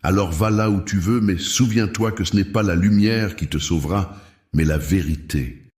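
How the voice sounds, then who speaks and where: A man's voice: low voice, normal speed, lightly acted. A man voicing a sneering male former accomplice. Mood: cold, mocking. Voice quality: sharp, mocking tone. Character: scornful male former occult companion. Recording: roomy echo.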